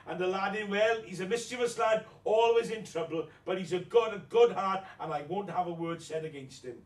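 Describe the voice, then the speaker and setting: A man's voice: high-pitched, fairly quick, close to an everyday voice. A man playing a vain, flirtatious widowed mother as a pantomime dame, gushing, coy and gossipy, in a mock interview. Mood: fond, proud. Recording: echoey room, distant microphone.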